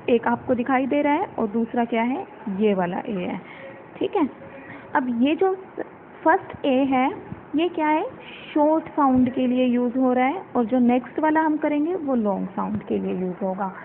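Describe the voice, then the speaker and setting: A woman teaching a phonetics lesson, explaining step by step and asking and answering her own questions. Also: high voice. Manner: mixes English words into her talk. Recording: tinny phone-quality audio with faint noise.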